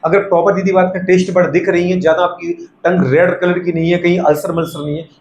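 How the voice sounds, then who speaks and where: A man's voice: high voice, flat delivery, quick pace, a little mellow, dull audio. A man teaching a lecture, constantly checking whether the students follow and repeating a filler phrase. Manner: keeps asking students if they follow and calls them "beta". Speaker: medical entrance teacher. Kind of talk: classroom-style lecture. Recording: echoey room with faint background noise.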